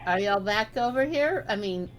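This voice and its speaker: A woman's voice: medium pitch, expressive, moderate pace, faint music behind. A woman playing a tabletop game in casual role-play, speaking tentatively.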